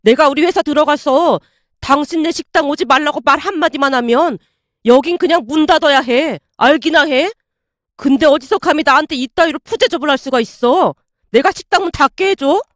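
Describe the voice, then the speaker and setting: A woman reading the part of an arrogant young man who taunts and yells at restaurant staff, in a story narration. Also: sits high, fairly quick, no room sound, studio quality, natural voice. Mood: sneering. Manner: sneering, yelling insults. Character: arrogant bullying young male customer.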